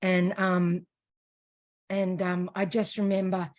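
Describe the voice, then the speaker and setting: An Australian woman, a running coach, talking as a guest in a relaxed, self-deprecating way. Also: on the low side, takes it slowly. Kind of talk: casual interview chat.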